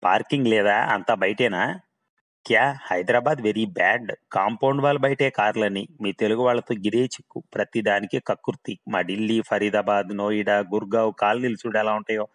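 A brash, boastful boss who scoffs at everything around him and keeps peppering his talk with English. He is loud and pushy, a little higher than a plain speaking voice, as a man storyteller puts him on. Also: fairly quick, lightly acted. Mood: scornful.

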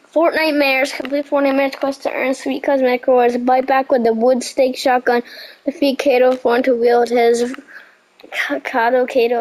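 Young gamer, stuffy and congested, excitable casual commentary, a touch high-pitched. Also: female voice, low-quality recording. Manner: excitable, reads on-screen text aloud haltingly. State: stuffy nose from a cold. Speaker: gaming youtuber.

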